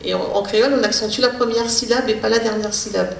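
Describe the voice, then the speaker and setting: A woman speech therapist giving a public lecture, explaining in a halting way with many hesitations. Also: on the high side, fairly even intonation, gravelly. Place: lecture hall. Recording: roomy hall, distant mic, faint noise.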